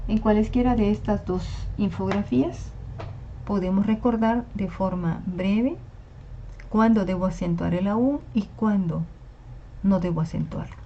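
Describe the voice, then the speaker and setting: A woman's voice: mid-range voice, a little slow, slight background noise. A woman teacher, patiently explaining and checking in with her class. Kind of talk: online class lecture on Spanish spelling. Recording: slightly dull lo-fi recording.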